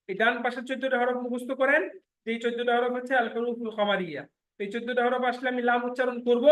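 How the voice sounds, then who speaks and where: A man teaching an Arabic class in Bengali, slowly spelling out letters and words and often checking that his students follow. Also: extremely high pitch, pushed and bright, roomy sound. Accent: Bangladeshi Bengali. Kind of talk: online class lesson.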